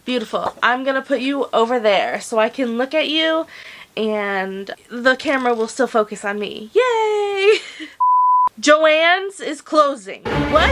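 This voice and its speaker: Young woman crochet vlogger, high voice, chatty and slangy, cusses casually, talking into a desk mic at home. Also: animated, slow, pauses often, over loud music. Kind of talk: casual chat to camera. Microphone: plug-in desk mic.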